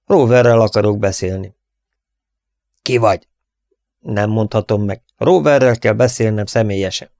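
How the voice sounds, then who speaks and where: A man's voice: fairly low pitch, vocal fry, long pauses, a little mellow, dry recording, clean studio sound. A man voicing a tough young cowboy hero who gives short, commanding orders. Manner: terse, commanding.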